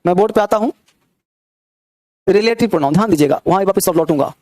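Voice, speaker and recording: A man's voice: high-pitched, quick pace, a little mellow, no room sound. Man teaching grammar, dry sound. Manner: drills pronunciation and keeps checking with students. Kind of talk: classroom lecture.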